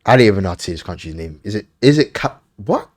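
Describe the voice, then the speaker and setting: A man hosting a casual football podcast, briskly running through lists and giving offhand opinions. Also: fairly low pitch, big pitch swings. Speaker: podcast host.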